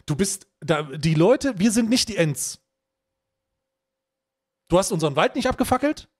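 A man hosts a relaxed live-stream conversation. His voice sits a bit high, and nearly everything he says comes out ironic and teasing. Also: moderate pace. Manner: ironic, teasing, lively banter. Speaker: streamer host. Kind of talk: casual chat.

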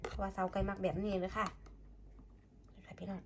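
A woman's voice: mid-range voice, level tone, a little fast, a little hiss or hum. A woman with an Isan Thai accent chatting casually to viewers in a food vlog, often using polite, familiar particles. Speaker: food vlogger.

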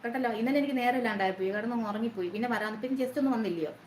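A woman's voice: fairly high pitch, very fast, darkish tone. A woman hosting a casual live stream, chatting and greeting her viewers by name one after another. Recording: roomy echo, faint noise.

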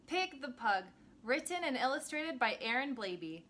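A woman hosting a children's read-aloud, narrating a rhyming picture book in an expressive, child-friendly way. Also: high-pitched, moderate pace, music in the background.

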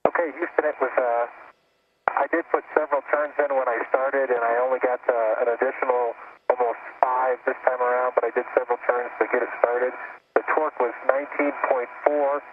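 A male astronaut giving calm, clipped procedure calls over a crackly space-to-ground radio link. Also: mid-range voice, brisk. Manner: calm, clipped, matter-of-fact. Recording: tinny band-limited radio with static hiss.

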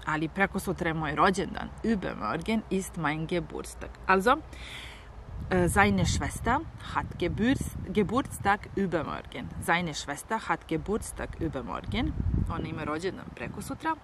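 A woman's voice: fairly low pitch, lively intonation. Woman teaching German over street noise. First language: Serbian. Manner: repeats each phrase slowly, then translates. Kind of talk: bilingual language lesson.

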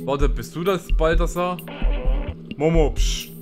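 A man's voice: on the high side, unhurried, close to an everyday voice. Small robot sidekick on a radio, read plainly by a male gamer, with game music behind. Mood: hopeful. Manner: reads the lines plainly, without a put-on voice.

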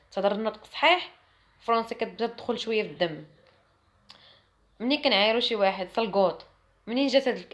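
A young woman with a Moroccan Arabic accent giving a chatty, emphatic French lesson to camera. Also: mid-range voice. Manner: chatty and emphatic, mimics others mockingly. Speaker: French teacher.

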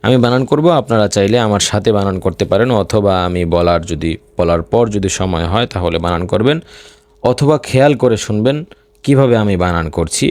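A man giving a patient Quran reading lesson, spelling letter by letter and reciting slowly between plain explanations. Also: fairly low pitch, a little mellow, dry recording. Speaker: Quran teacher.

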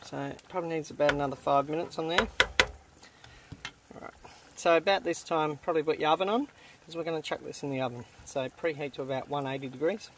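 A man's voice: fairly high pitch, fast talker. Man giving camp cooking steps. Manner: relaxed, chatty step-by-step instructions. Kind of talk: casual cooking demonstration. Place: inside a canvas tent camp kitchen. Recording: noisy outdoor camp recording.

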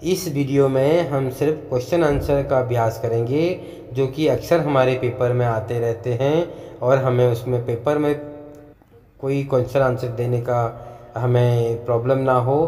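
A man teaching a lesson, patient and repeating words slowly for his pupils to say after him. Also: medium pitch, steady tone, dark tone. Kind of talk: slow classroom lesson with recitation. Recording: echoey, reverberant room.

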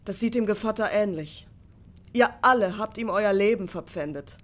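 A woman voicing a grave, sober male journeyman in an audiobook, speaking in a measured way. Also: medium pitch, lightly acted.

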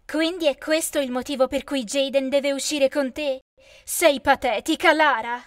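A woman voicing a mean teenage girl who mocks loudly and scornfully. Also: high-pitched, moderate pace, no echo, studio quality, close to an everyday voice. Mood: sneering. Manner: scornful and loud.

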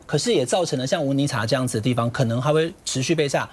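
A man giving political commentary on a talk show, emphatic and quick to correct himself mid-sentence. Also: mid-range voice, background noise.

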